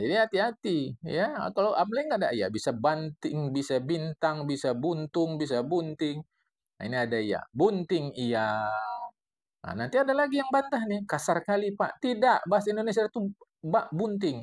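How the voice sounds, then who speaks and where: A man with a Medan Malay accent teaching a classical religious text, explaining it in a lively, digressive way with playful wordplay. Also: high voice. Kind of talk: classical Islamic text study lesson.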